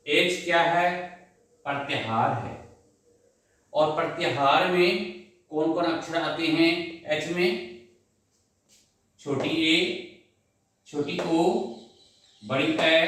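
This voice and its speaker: A man's voice: a little high, takes it slowly, pauses often, fairly bright tone, slight background noise. A man teaching Sanskrit grammar, explaining step by step, spelling out syllables and asking his students questions. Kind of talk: slow classroom explanation. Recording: echoey room, voice from far off.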